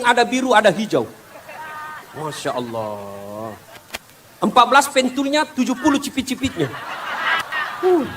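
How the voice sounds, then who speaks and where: A man preaching a humorous sermon to a big outdoor crowd, animated and jokey, acting out scenes with voices. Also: very high-pitched, slight background noise. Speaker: Islamic preacher. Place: outdoor field gathering.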